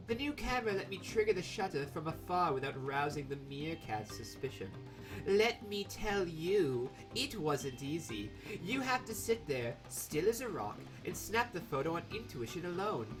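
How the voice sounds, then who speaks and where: A man voicing a sophisticated American woman photographer with an American accent, reading journal entries from a game in a measured, prim way. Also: fairly high pitch.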